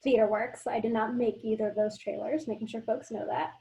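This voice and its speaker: A woman hosting an interview, asking brisk questions. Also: fairly high pitch, level tone, mellow, low-quality recording. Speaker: interview host. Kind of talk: conversational interview.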